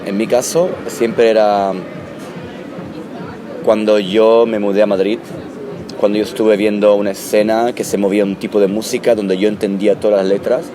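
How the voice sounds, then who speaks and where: A man born in Italy, a musician answering interview questions in a halting, thoughtful way with many restarts. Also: on the low side, background noise. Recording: loud music behind. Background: loud music.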